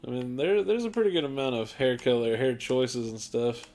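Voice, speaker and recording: A man's voice: medium pitch, moderate pace, a little mellow. A man casually talking through a video game's character creator, rambling and offhand with lots of fillers, tired and yawning late at night. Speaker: gaming channel host. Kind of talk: casual gameplay commentary.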